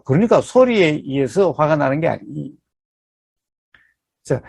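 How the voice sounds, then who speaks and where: A man teaches meditation in a slightly high, gravelly voice, speaking as in a Buddhist dharma talk. He builds his point step by step, asking rhetorical questions and checking in with his listeners. The sound is dry and close, with no room echo. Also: a little mellow.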